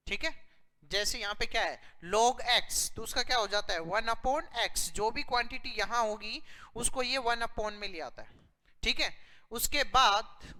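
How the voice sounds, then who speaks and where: A woman's voice: a little high, pushed and bright, big-room sound, poor audio. A woman physics teacher working through a math problem step by step, asking and answering her own questions.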